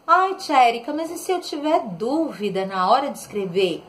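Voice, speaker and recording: Anxious young pupil, voiced by a woman, quick and pleading. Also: a little high, lively intonation, slight background noise, lightly acted. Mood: worried. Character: curious young student asking the teacher.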